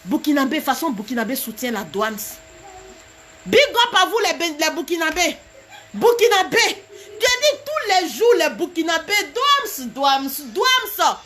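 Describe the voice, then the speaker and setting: A woman with a very high, piercing voice, talking on a live stream. She keeps repeating her phrases for emphasis and slips small laughs between them, addressing her viewers directly. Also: very animated, measured pace, fairly bright tone. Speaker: live video host.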